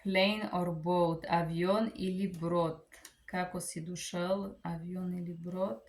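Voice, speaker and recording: A woman with a Macedonian accent and a slightly low voice leads a bilingual vocabulary lesson. She takes it slowly, one term after another, pausing and repeating words as an informal teacher would. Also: fairly even intonation. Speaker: language teacher.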